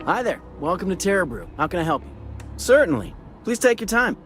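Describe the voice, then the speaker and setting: A man voicing an overly smooth, polite android coffee-shop server in a game, with a slightly processed synthetic sound and scripted, repetitive politeness. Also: sits high, sing-song, brisk, a bit bright, soft background music.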